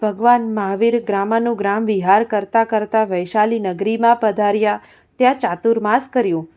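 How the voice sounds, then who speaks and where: A woman reading a religious story aloud in a calm, even storytelling manner. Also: medium pitch, moderate pace, muffled recording. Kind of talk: scripted religious story narration.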